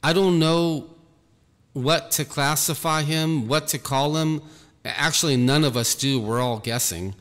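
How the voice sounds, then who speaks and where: A man giving an earnest personal testimony about his ministry, talking slowly and repeating himself. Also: fairly high pitch, fairly bright tone, long reverb tail. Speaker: ministry leader.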